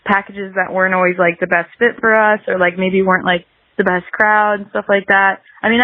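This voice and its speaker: Heard over a muffled, lo-fi, radio-like connection without echo, a young woman with a medium voice chats as a guest on a podcast. She's a singer-songwriter who meanders through her answers, filling them heavily with "like".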